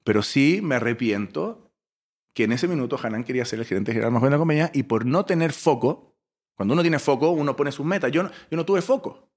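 A man from Chile, a startup founder in his forties, telling stories as an interview guest with an expressive delivery that swings between loud bursts and soft asides. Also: medium pitch, fast talker. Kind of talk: animated storytelling interview.

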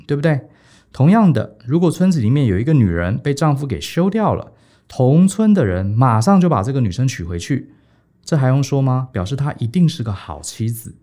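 A man playing a calm, clever minister. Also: mid-range voice. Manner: composed, persuasive reasoning. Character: calm, clever male minister defending himself.

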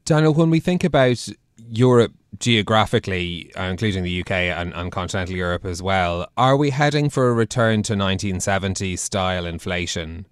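A man's voice: sits low, lively intonation, brisk, smooth, dry recording. Male news anchor, dry close sound. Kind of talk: broadcast news presenting.

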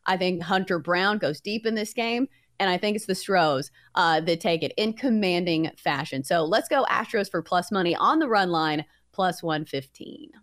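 A woman co-hosting a sports betting show, pitching her picks like a confident tipster.

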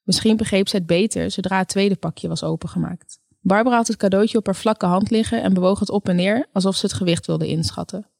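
Calm woman narrating a story. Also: mid-range voice, brisk, gravelly, no room sound, studio quality. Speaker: audiobook narrator. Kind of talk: scripted narration.

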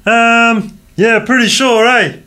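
A man's voice: very high-pitched, fairly even intonation, takes it slowly, sharp tone, faint music behind, full character voice. A man playing an easygoing Australian sitcom cop with laid-back Aussie tradesman banter. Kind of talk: broad sitcom dialogue.

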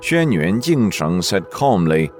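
Male narrator, deep and slow, lively intonation, soft music bed. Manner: slow, expressive reading. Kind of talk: storytelling narration.

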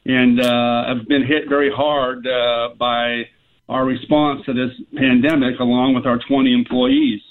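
A middle-aged man calling in to a radio show, earnestly laying out his points one by one with plenty of "you know" fillers. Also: mid-range voice. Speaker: guest, small business owner. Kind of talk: phone-in radio interview. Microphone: telephone. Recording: tinny phone line.

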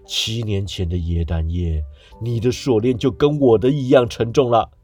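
A man's voice: on the low side, mellow, breathy edge, soft background music. A man doing a mournful chained ghost. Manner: slow, drawn-out, heavy delivery. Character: grieving chained male ghost, solemn and slow.

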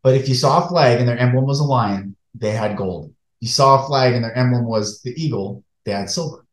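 A man speaking to his online viewers in an earnest, preacher-like monologue, with emphatic, deliberate phrasing. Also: mid-range voice. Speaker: online show host. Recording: echoey room, flawed stream audio.

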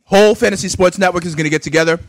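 Opening gifts on his fantasy sports radio show, this young host is animated and exclamatory, even speaking with his mouth full. He talks at a racing pace in a voice that sits high, with no echo.

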